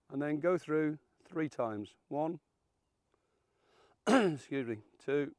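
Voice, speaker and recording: A man in his seventies, his voice croaky and hoarse from illness, hosts a fishing channel and walks viewers through a rig in a chatty, folksy, self-deprecating how-to. His voice is medium in pitch with a darkish tone, and there is no echo.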